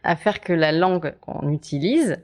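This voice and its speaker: A woman with a somewhat low voice hosts a relaxed conversation. She asks questions and chimes in with examples in a casual, chatty interviewing style. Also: moderate pace. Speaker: podcast host.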